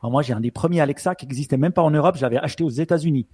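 A man with a Swiss French accent chatting casually on a podcast, full of fillers and quick to laugh. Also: fairly high pitch, darkish tone, slightly rough, no echo, studio quality. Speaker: podcast co-host.

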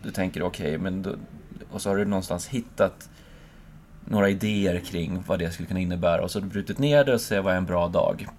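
A man who gives lectures reflects aloud in a relaxed conversation, searching for words and acting out his own inner voice. His voice is low-pitched, with a little hiss or hum in the recording.

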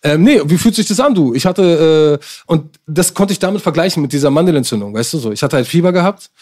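A middle-aged man from Germany, telling stories in a slangy, animated casual chat. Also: on the high side, fast talker.

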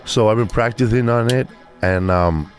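A man's voice: lowish voice, moderate pace, faint music behind. A man in his fifties from Mexico, telling stories in a casual chat with lots of restarts and acted-out quotes. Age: 50s. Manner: rambling storyteller, restarts, acts out quotes.

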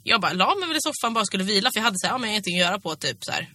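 A woman's voice: mid-range voice, sing-song, sharp tone, dry recording. A young woman with a Swedish accent, co-hosting a casual podcast, talking in loose, rambling sentences. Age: young adult. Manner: chatty, many fillers and restarts, laughs easily. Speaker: podcast co-host. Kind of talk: casual chat.

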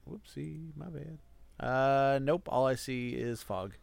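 A man's voice: medium pitch, takes it slowly, vocal fry, a little mellow, clean tone, no echo. A man playing a tabletop game, laid-back and asking the game master questions. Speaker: player. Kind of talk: casual tabletop game play.

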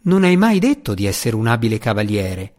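A man's voice: on the low side, big pitch swings, fairly quick, a little mellow. A man voicing an amiable traveling friar. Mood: amused.

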